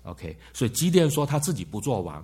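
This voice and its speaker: Husky man lecturing a Bible class. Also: medium pitch, big pitch swings, a little fast, mellow. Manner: frequent "ha" tag words and questions to the class. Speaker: Bible teacher.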